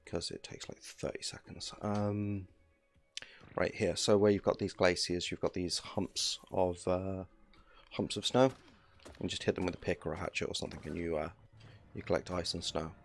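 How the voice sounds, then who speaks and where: Deep gravelly male streamer rambling casually. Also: steady tone, normal speed. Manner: rambling, filler-heavy, easygoing. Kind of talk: casual gameplay commentary.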